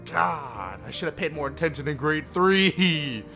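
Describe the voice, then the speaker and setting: Slightly high, gravelly and bright, this man's voice is expressive and forceful, with a somewhat slow pace. He's livestreaming a visual novel read-through, cracking jokes and tripping over lines now and then, with music in the background.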